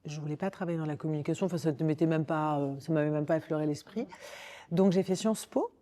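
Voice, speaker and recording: Her voice sits low and dark, and she talks fast. A communications director in her forties from Paris, France, she has a Parisian French accent and is a podcast guest looking back on her own career in a conversational interview, speaking informally and often rephrasing while explaining.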